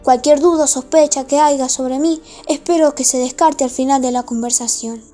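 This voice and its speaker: A woman's voice: sits high, fairly even intonation, moderate pace, mellow, faint music behind, close to an everyday voice. A woman playing a proud, defensive Italian male business owner in a formal, wordy radio play style. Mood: guarded, formal. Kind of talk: amateur radio play acting.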